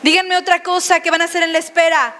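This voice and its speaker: A woman preaching a sermon, animated and often questioning the congregation. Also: extremely high pitch, fast, big-room sound, slight background noise.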